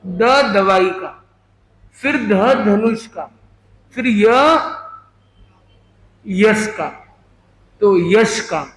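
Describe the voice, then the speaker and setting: A man teaching a workshop class, slowly breaking sounds into syllables and asking the listeners questions. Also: high-pitched. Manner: slow, syllable by syllable, quizzing the class. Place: workshop room with an audience. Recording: echoey room.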